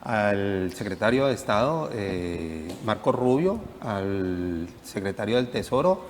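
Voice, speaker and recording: Man on a political talk show, measured and argumentative, hesitant fillers, reverberant hall, faint noise. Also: fairly low pitch, lively intonation.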